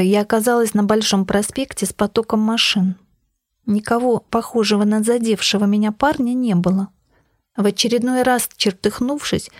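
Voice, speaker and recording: A woman narrating an audiobook in the first person, with a measured, even storytelling delivery. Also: medium pitch, no echo, clean studio sound.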